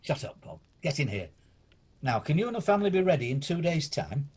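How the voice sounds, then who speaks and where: In an amateur radio play, a man voices old Ebenezer Scrooge, the gruff miser who becomes a benefactor, delivering lines in a husky, deliberate, theatrical way. His voice is a little high, very animated, and darkish in tone, and the mood here is stern.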